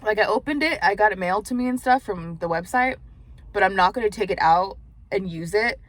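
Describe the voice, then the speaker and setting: A woman's voice: mid-range voice, lively intonation, brisk, no room sound. Young woman's slangy, profane car chat. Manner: slangy and profane, often drops to a near whisper. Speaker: mukbang vlogger. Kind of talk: casual chat while eating. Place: parked car.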